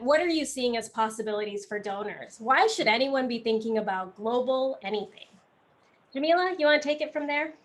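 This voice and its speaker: A woman's voice: a little high, fairly bright tone. A woman moderating an online panel, reading an upbeat scripted introduction. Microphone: video call.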